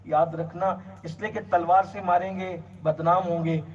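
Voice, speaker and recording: A man with a fairly high voice preaches a religious sermon and drives his points home through long, repeated lists. He sounds set back from the mic, and the recording is dull and lo-fi. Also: little pitch movement, far from the mic, a little hiss or hum.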